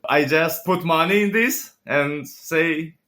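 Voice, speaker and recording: Higher-voiced man with a Kazakh accent. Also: pushed and bright. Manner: halting, simple non-native English phrasing. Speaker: interview guest, game club owner. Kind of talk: interview answers.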